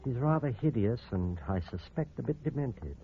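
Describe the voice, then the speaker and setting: A man's voice: medium pitch, animated, normal speed, narrow, tinny audio, a little hiss or hum. An actor playing a cold, scheming male surgeon in a 1940s radio drama, heard over an old AM radio broadcast.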